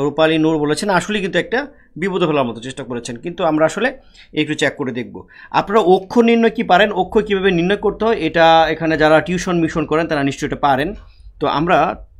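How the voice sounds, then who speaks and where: A male teacher from Bangladesh, giving an online lecture and often asking a question and answering it himself. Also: fairly high pitch. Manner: repeats questions and answers them himself, spells out syllables slowly. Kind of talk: online lecture on Bengali prosody.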